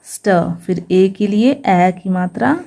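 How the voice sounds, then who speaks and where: A woman teaching English reading in a patient phonics lesson, slowly sounding out each syllable and checking in often. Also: medium pitch, vocal fry, warm tone.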